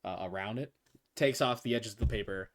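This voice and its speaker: A man's voice: fairly low pitch, brisk. A young man running a tabletop game as game master, narrating loosely with fillers and chuckles.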